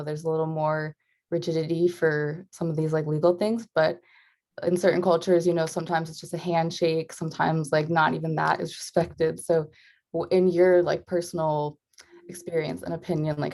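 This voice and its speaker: Low-voiced woman on a video call asking a question, casual, lots of "like". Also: a little mellow. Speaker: prospective student.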